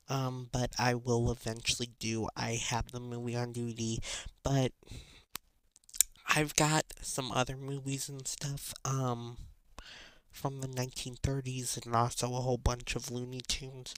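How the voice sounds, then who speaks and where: A man hosting a casual film review, his voice nasal and sickly from illness, rambling with many pauses and fillers. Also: medium pitch, fairly bright tone, smooth, dry recording. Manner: rambling, many ums and restarts.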